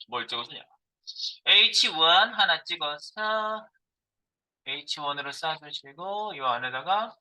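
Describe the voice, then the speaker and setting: Lively, bright-voiced man teaching code. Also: a little high, poor audio. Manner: thinks aloud while typing code, asks and answers his own questions. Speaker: programming instructor. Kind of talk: live coding lecture.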